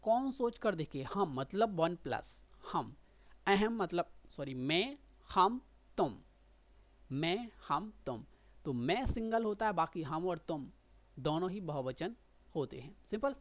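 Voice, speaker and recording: A woman's voice: lowish voice, lively intonation, slow. A woman teaching shorthand, explaining patiently and often checking that listeners follow. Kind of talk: explanatory lesson.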